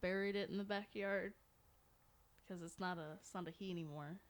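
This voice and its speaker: A young American woman from North Carolina co-hosts a podcast, bantering casually with slang, jokes and easy swearing. Her lowish voice is fairly even in intonation and a little fast.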